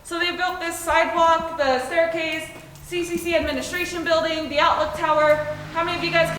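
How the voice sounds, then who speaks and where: A woman's voice: very high voice, little pitch movement, brisk, a bit bright. A woman tour guide explaining things to a group, her voice echoing through a cave from a distance. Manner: explanatory, instructing. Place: inside a cave, heard from a distance. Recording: echoing cave, distant, noisy, long reverb.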